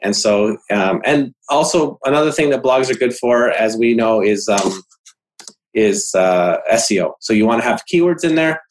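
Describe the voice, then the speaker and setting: A man's voice: medium pitch, animated, normal speed, rough recording. A man giving a casual website critique on a video call, explaining each section of a page. He talks loosely, with fillers and restarts as he works through his points. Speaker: web design consultant.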